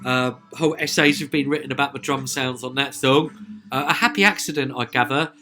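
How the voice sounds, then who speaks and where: A man's voice: mid-range voice, brisk, sharp tone. A man from southern England with a southern English accent, hosting a music podcast in a chatty, rambling way, full of "uh" fillers and chuckles. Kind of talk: casual music review commentary.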